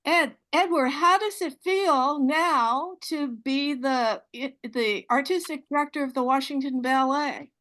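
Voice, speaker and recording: A woman's voice: high-pitched, unhurried, few pauses, a bit bright. A woman hosting an online panel on a video call, chatty and enthusiastic, laughing often. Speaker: host and moderator.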